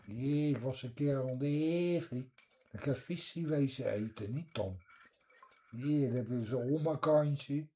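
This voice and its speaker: A man's voice: medium pitch, measured pace, mellow, pitched above the performer's own voice, close to an everyday voice. A man voicing a hearty local man with a thick Scheveningen dialect, dropping his H sounds. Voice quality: drops H sounds.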